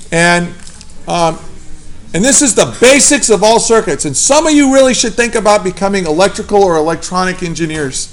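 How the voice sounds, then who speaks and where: A man's voice: high-pitched, fairly bright tone. A man teaching a physics class, casual and chatty, often checking in with the students. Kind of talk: classroom lecture.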